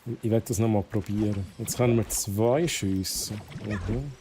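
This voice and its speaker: A man's voice: on the low side, normal speed, background noise. A man with a Swiss German accent streaming a game, chatting casually with viewers, laughing often and reading the game's text aloud. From Switzerland. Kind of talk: casual gameplay commentary.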